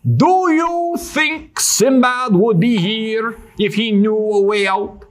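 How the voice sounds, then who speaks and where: A man's voice: high voice, slow pace. A man voicing a self-important sailor adventurer in a theatrical puppet show, grandly speaking of himself in the third person. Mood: boastful, defeated. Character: dramatic adult male sailor adventurer puppet, self-important, prone to despair.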